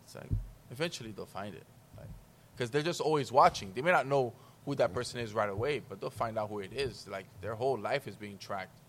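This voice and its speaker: A man's voice: mid-range voice, a little fast, hardly any pauses, fairly bright tone. A man from Hispaniola, a podcast guest talking casually and explaining things at length, with lots of "like". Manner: rambling explanations peppered with "like".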